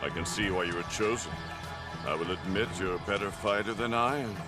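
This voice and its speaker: A man's voice: deep voice, a little fast, far from the mic, over loud music, natural voice. A man playing an arrogant, sadistic evil emperor in an anime dub, pompous and taunting. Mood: condescending.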